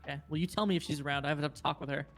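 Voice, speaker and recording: A woman in casual game roleplay as a police officer, loud and excitable, swearing and shouting when angry. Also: low-pitched, rapid-fire, soft background music.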